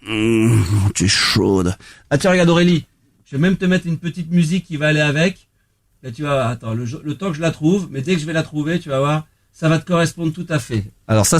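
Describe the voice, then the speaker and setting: A man's voice: on the high side, no echo. A man hosting a free-form radio show from a studio, talking in a rambling, hesitant, chatty way with casual swearing. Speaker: radio host.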